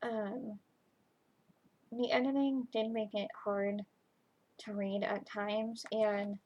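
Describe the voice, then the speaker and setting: A woman giving a chatty, informal book review to camera, halting and often trailing off mid-thought. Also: mid-range voice, flat delivery, darkish tone, highs cut off, a little hiss or hum. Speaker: book reviewer, video host.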